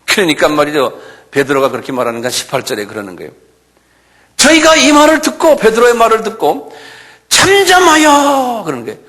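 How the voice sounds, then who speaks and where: A male pastor preaching a sermon in a church, animated and full of rhetorical questions. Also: high voice, a little fast. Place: church sanctuary.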